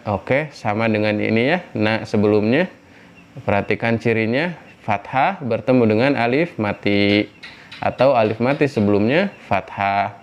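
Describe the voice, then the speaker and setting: A man teaching Quran recitation rules, patiently explaining and drawing out syllables slowly to demonstrate. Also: on the low side, clean tone, muffled recording. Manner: patient, repeats syllables slowly to model pronunciation. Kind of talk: tajwid lesson with slow demonstrations.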